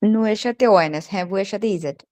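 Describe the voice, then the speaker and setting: A woman's voice: mid-range voice, fairly quick, darkish tone. A woman studying French, hesitantly repeating phrases back to her teacher. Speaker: student. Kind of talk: repeating phrases in a language lesson.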